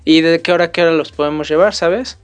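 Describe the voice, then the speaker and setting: A woman co-hosting a radio chat. Her voice sits slightly low, with light music in the background. She is brisk and teasing, and keeps throwing out questions. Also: clean tone. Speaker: radio show co-host.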